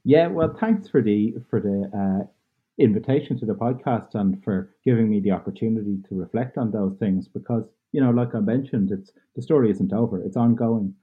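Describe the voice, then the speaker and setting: An Irish man in his thirties, appearing as a podcast guest, gives earnest, thoughtful, reflective interview answers in loose phrasing packed with fillers. His voice is fairly low and slightly rough, at a moderate pace. The line sounds tinny, like a phone.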